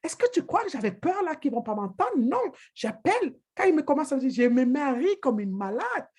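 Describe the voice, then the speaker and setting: A woman's voice: high voice, big pitch swings, brisk, a little mellow. A woman giving a motivational training talk, emphatic and direct, repeating her key phrases to the listener. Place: living in England.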